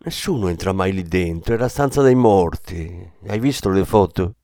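A man's voice: deep voice, expressive, normal speed, vocal fry, no room sound, studio quality. A man reading as a grave superstitious mother. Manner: hushed and grave. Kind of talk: audiobook reading.

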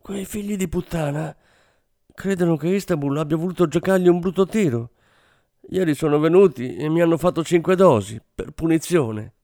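A man's voice: a little high, moderate pace, creaky, dark tone, dry recording, clean studio sound, voice pushed up. A man doing a bitter, ranting drug smuggler. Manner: ranting, hateful, broken.

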